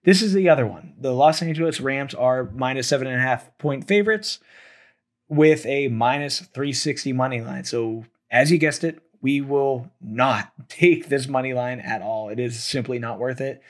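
A man's voice: medium pitch, normal speed. Man hosting a solo betting podcast. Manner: thinks aloud with frequent fillers and restarts. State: losing his voice. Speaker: sports betting podcast host. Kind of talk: solo sports betting talk.

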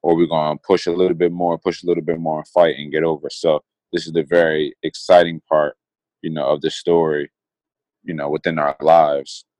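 A man's voice: a bass voice, level tone, a little fast, a little mellow, no echo. A man in his twenties co-hosting a casual podcast, talking in an earnest, reflective way and often restarting and repeating phrases. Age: 20s. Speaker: podcast co-host.

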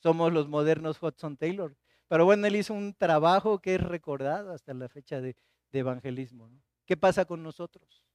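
A man's voice: on the high side, brisk, clean tone, no room sound. A middle-aged Mexican man preaching a conversational sermon, telling anecdotes and acting out the people in them, often asking a rhetorical "¿no?". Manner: animated storyteller who acts out voices in anecdotes, frequent rhetorical "¿no?". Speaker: pastor.

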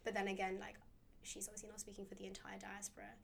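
A woman's voice: mid-range voice, monotone, fast, gravelly, a bit bright, a little hiss or hum. A young woman in casual conversation as a guest, reflective and full of "like" and "um". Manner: reflective, many fillers like "like" and "um".

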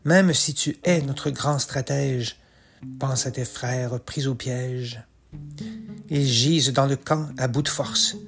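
A man narrating a rhymed epic tale in a slow, measured, rhythmic way. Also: mid-range voice, vocal fry. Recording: soft music underneath.

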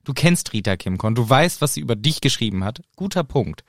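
A man's voice: medium pitch, very animated, brisk, no room sound, clean studio sound. A man voicing a skeptical, clever teenage girl who chides her friend. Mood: chiding.

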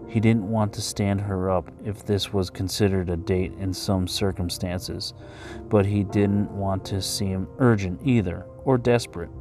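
Deep-voiced male story narrator.

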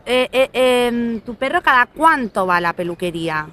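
A woman's voice: a little high, expressive, normal speed, pushed and bright. A woman, a dog groomer, doing a casual street interview outdoors in a city and talking in a rambling way with apologetic asides.

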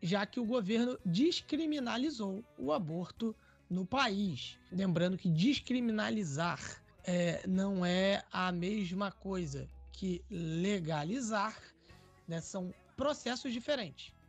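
A man's voice: high-pitched, lively intonation, slow pace, breathy edge, soft background music. A Brazilian man co-hosting a podcast, discussing news casually and hesitantly, with many fillers. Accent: Brazilian Portuguese. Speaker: podcast co-host.

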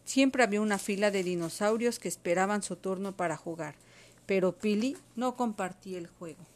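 A woman reads a children's picture book aloud at home to a child. Her delivery is patient and expressive, in a mid-range voice. She narrates at an easy storytelling pace. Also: mid-range voice, moderate pace.

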